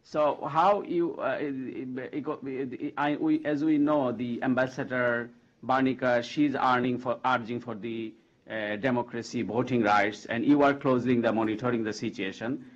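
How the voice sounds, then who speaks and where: A man from Bangladesh, a reporter asking a question at a press briefing in halting phrasing with many restarts. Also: medium pitch, fairly even intonation. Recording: dull lo-fi sound.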